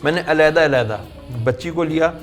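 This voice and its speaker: A man's voice: fairly high pitch, soft background music. A middle-aged man with a Pakistani Urdu accent, a religious scholar telling a long story and acting out the people in it. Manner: narrates at length, acting out the people in his stories.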